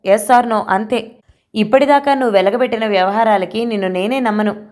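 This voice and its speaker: A woman's voice: on the high side, a little fast, darkish tone, close to an everyday voice. A woman voicing a stern middle-aged mother who scolds in a harsh, cutting, reproachful way, in an audio novel. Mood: scolding.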